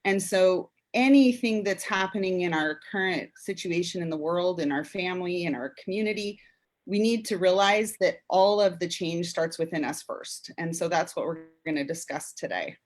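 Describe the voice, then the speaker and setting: A woman's voice: lowish voice, normal speed. A woman co-hosting a talk show, speaking in an earnest, reflective way with some fillers. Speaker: podcast co-host. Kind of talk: casual chat.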